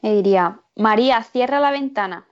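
A woman's voice: a little high, moderate pace, muffled recording. A woman student answering a teacher's questions and reading example phrases aloud.

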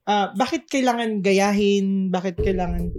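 A man's voice: sits high, unhurried, darkish tone. A male podcast co-host in casual conversation. He tells long, meandering stories and drifts between Tagalog and English as he talks. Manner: rambling storyteller, mixes English into Tagalog.

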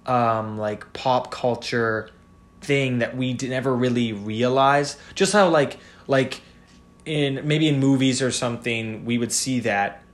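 A man's voice: medium pitch, a little slow. Rambling young man in casual chat. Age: 20s. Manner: rambling, swears a lot, lots of fillers. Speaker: podcast co-host.

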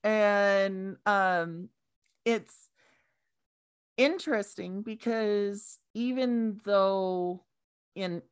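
A woman speaking as a guest in a casual interview, hesitant with many pauses and fillers. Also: medium pitch, clean tone.

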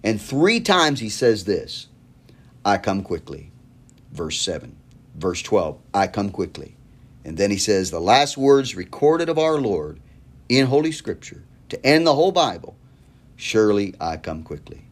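A man's voice: on the low side, husky. A man preaching a recorded sermon series, talking straight to the listener with earnest, pleading appeals and a loose, conversational flow of restarts. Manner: fillers and repeated words, conversational.

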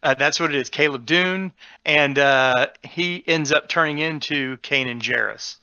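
A man co-hosting a podcast in casual chat, rambling with many restarts and getting animated as he explains. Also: on the high side, measured pace, clean tone, dry recording, muffled recording. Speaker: podcast co-host.

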